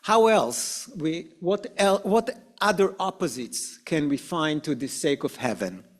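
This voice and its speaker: A man teaching an adult education class in a slow, conversational way, often checking with "okay?" and asking the group questions. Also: fairly high pitch, expressive. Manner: frequent "okay?" and "right?" checks, many "uh" fillers. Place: synagogue classroom.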